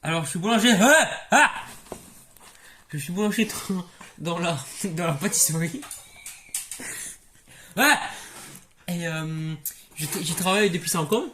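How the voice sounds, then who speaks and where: A young man voicing a baker with Tourette's in an amateur comedy sketch, breaking off into sudden shouted tics and laughs. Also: high-pitched, unhurried, long pauses, slight background noise. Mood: blurting.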